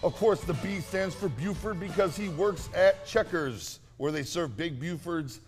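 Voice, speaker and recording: A man's voice: fairly high pitch, a little slow, soft background music. A man co-hosting a comedic infomercial, announcing festival acts with crude, repetitive, mock-solemn hype.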